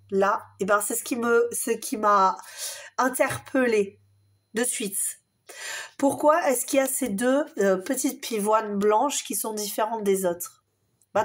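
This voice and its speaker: A woman giving a casual tarot reading straight to the viewer, affectionate and encouraging, her voice a bit strained. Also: on the high side. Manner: affectionate, encouraging, chatty with many fillers. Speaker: tarot card reader.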